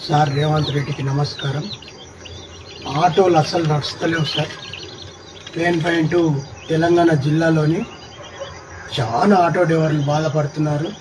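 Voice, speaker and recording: A man's voice: a little high, steady tone, moderate pace, pauses often, background noise. A man with a Telangana Telugu accent, an auto driver, earnestly pleading with a politician for help. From Telangana, India. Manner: earnest, pleading, repeated "sir".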